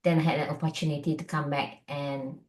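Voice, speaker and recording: Middle-aged Malaysian-born woman, low voice, chatty guest doctor, roomy sound. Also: flat delivery, a little fast. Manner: chatty, lots of fillers and likes. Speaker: functional medicine doctor, guest. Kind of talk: casual interview chat.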